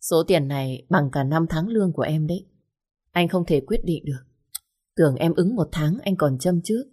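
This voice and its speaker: A woman voicing a cautious male restaurant manager who talks slowly and carefully. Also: low voice, expressive, mellow, husky. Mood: doubtful. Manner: slow, measured, hesitant.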